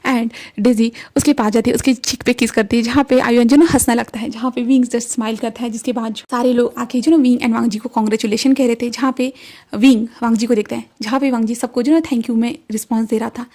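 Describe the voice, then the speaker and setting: A woman narrates a romantic fan story in an easy, chatty way, full of little fillers. Her voice sits a little high but has a soft, mellow tone. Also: steady tone, fast. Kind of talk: reading a fan story aloud.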